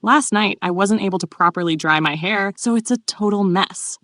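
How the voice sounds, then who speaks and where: A woman reading the part of a flustered, playful young noblewoman in a bright, raised voice. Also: medium pitch, normal speed, dry recording, studio quality, close to an everyday voice.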